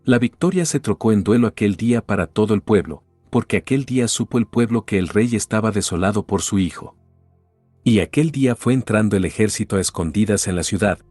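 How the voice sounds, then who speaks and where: A man reading scripture aloud in a steady, measured way. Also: fairly low pitch, dry recording, faint music behind. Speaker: Bible reader.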